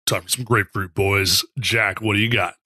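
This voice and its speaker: Male podcast host, bright forward voice, breezy and jokey, casual chat, very dry sound. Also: lowish voice, steady tone, normal speed, no room sound. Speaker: podcast host leading segments.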